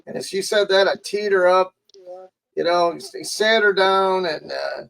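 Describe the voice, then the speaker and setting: Gravelly dude telling a long story w lots of uhs. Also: male voice, high-pitched, measured pace, fairly bright tone, poor audio. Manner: chatty anecdote teller, many fillers. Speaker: podcast co-host. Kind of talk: casual storytelling.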